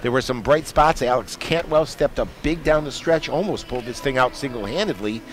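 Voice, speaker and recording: A man giving color commentary after a basketball game, folksy and animated in his analysis. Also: mid-range voice, a little fast, a little hiss or hum. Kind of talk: postgame sports analysis. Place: basketball arena broadcast booth.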